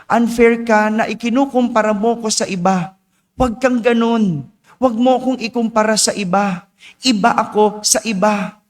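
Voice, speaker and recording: A man's voice: sits high, moderate pace, big-room sound, voice pushed up, close to an everyday voice. A male priest acting out a puzzled schoolchild who pleads with an angry father. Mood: pleading. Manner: pleading, protesting.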